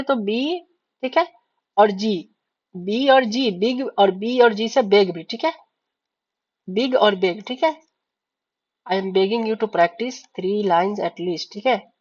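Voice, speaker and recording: A man tutoring shorthand in a casual online lesson, patient and repeating "okay" after each point. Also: very high-pitched. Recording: dull lo-fi recording.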